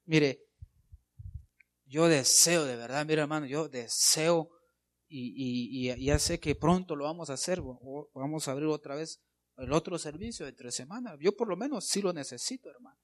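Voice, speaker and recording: A man's voice: a little high, normal speed. A man preaching a sermon, emphatic and constantly addressing his listeners as brother.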